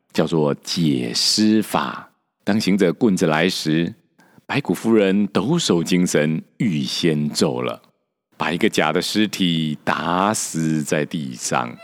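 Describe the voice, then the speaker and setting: Deep-voiced male storyteller, slow, for children. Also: lively intonation. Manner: slow, deliberate telling.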